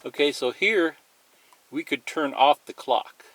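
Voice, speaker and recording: In a plain-spoken, step-by-step tutorial, a man casually demonstrates a product by hand. His voice is a little high, a little slow and a bit bright, with no room sound, though the noisy amateur recording is full of clicks and beeps.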